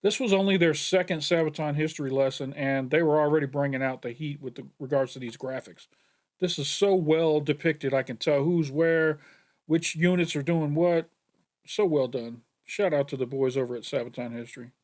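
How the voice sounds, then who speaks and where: A man hosting a reaction video, chatting casually and pausing often with fillers as he thinks aloud. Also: fairly high pitch, darkish tone. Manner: chatty, with frequent fillers and hesitations.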